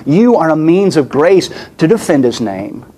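A man's voice: fairly high pitch, sing-song, moderate pace, warm tone. A man preaching a sermon in an earnest way, often repeating and restarting his words, his voice weak and worn.

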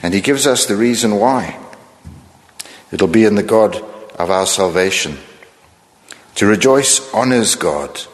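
A man delivers a sermon in an earnest, measured way, tossing in rhetorical questions to his listeners. His voice sits slightly low. The sound carries a long reverb, as if in a large hall. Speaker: preacher.

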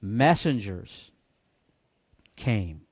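A man preaching a sermon in church, folksy and joking, with animated bursts when he quotes people. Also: on the low side, drawn-out words, husky, no echo, clean studio sound. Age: 50s. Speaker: pastor.

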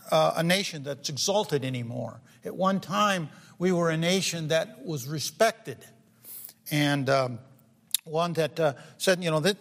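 A man's voice: on the high side, fairly bright tone. A man preaching a sermon to a congregation, earnest, with frequent fillers and restarts, often asking his listeners questions. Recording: long hall reverb.

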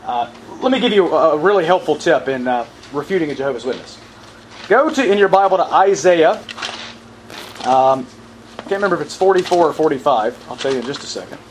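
A man's voice: a little high, lively intonation, fairly quick, a little hiss or hum, rough recording. A man teaching from the Bible in a sermon style, asking the audience questions and repeating verse references.

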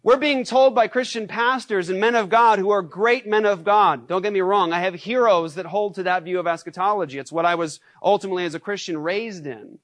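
Pastor, male, animated sermon delivery with rhetorical questions, dry sound. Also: high-pitched, brisk, few pauses, no echo. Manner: acts out shouted scenes.

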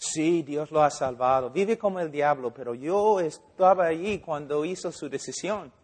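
Male preacher with a high voice, lively sermon acting out little scenes, in a church hall. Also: moderate pace, husky. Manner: animated, acts out dialogues and rhetorical questions. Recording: long hall reverb.

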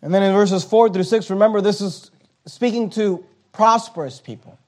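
A man preaching a sermon as pastor, emphatic and full of restarts, slowing down to read scripture with weight. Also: sits high. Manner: emphatic, punching key phrases, with frequent repeated restarts; reads scripture in a slowed, heightened voice.

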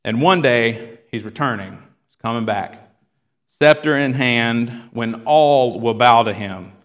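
A man's voice: mid-range voice, slow pace, fairly bright tone. A male pastor preaching a sermon and reading scripture aloud, voicing the quoted cries with rising force. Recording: long hall reverb.

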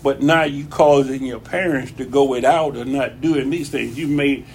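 A man's voice: mid-range voice, steady tone, moderate pace, darkish tone, slight background noise. A man preaching a conversational sermon in his church, folksy and repeating phrases for emphasis. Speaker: pastor.

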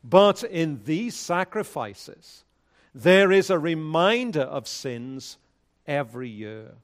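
Slow, solemn pastor at a pulpit microphone. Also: male voice, on the high side. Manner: measured, solemn liturgical delivery. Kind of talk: leading prayer and reading scripture.

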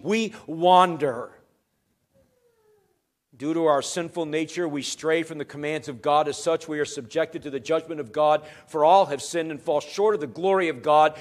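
Impassioned male preacher, high voice. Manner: emphatic preaching, swinging from loud rises to quiet drops. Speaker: pastor. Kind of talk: sermon.

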